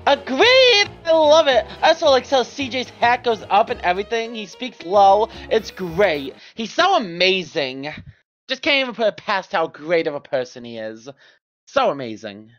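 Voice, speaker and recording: A woman voicing an excitable young woman artist in a fan voice-over of chat messages, giggly and gushing. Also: mid-range voice, moderate pace, dull audio, faint music behind, natural voice. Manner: giggly, gushing, bursts into squeals.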